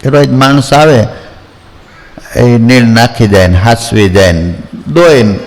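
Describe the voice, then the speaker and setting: A man's voice: mid-range voice, a little slow, in a large hall, poor audio. A man giving a folksy devotional discourse, telling anecdotes and acting out villagers in quoted voices. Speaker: spiritual storyteller.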